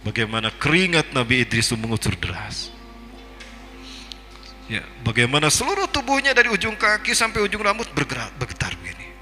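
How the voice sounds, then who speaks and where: A male preacher, telling a story in a lively, humorous sermon. His voice sits fairly high and very bright, and his pitch rises and falls widely. A long hall reverb surrounds him, with faint music underneath. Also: brisk.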